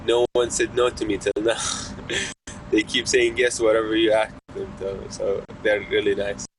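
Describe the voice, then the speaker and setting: A man from Saudi Arabia, a student, giving a relaxed testimonial with a few restarts. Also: fairly low pitch, measured pace, a little hiss or hum, poor audio. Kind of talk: testimonial interview.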